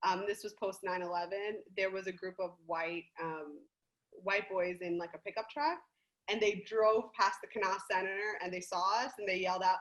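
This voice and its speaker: A young woman from the United States talks as a podcast guest, animated and gushing, often breaking into laughs. Her pitch sits in a middle range for a woman. She speaks in a casual, unscripted way. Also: normal speed, lo-fi sound.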